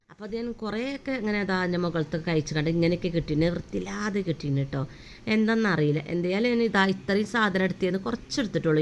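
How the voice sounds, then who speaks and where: A young mother and vlogger narrates her day in a casual voice-over, quick, homely and chatty, peppered with tag words. Her voice is low for a woman, and a faint room ambience with slight background noise hums beneath.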